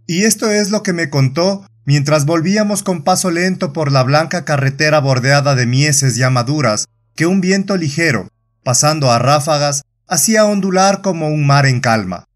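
A man with a Latin American Spanish accent reading a horror story aloud in a measured, dramatic way. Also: a little high, lively intonation. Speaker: narrator. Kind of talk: scripted horror audiobook narration.

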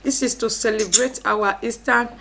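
A Nigerian woman hosts a casual eating mukbang, talking between mouthfuls. Her voice is fairly high and very creaky. There is clear noise behind her as she speaks. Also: moderate pace. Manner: speaking between bites of food. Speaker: mukbang vlog host. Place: indoor room, seated at a table. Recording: clear steady background noise.

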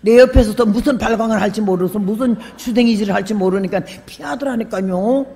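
Gravelly older woman preaching in a hall. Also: mid-range voice, a little fast. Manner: folksy storytelling with humor; bursts into loud emphatic calls. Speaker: missionary preacher. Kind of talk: sermon. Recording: long hall reverb.

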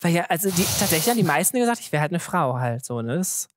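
A man chatting casually as an interview guest, telling animated stories full of filler words and re-enacted dialogue. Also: a little high, fast, background noise. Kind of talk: casual chat, storytelling.

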